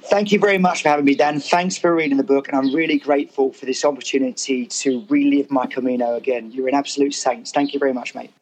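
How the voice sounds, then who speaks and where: A man speaking as a guest author in a podcast interview, his voice croaky from performing, hesitant and full of ums and repeated words. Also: mid-range voice, steady tone, quick pace, hardly any pauses, darkish tone, poor audio. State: croaky voice after a gig. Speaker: guest, author and working musician.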